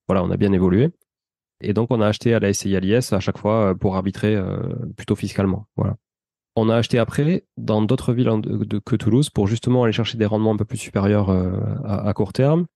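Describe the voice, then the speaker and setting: A French entrepreneur and property investor of Portuguese descent chats informally as an interview guest, talking at length and recounting his own experience in a slangy, explanatory way. His voice is on the low side, warm, with vocal fry, captured in clean studio sound with no room echo.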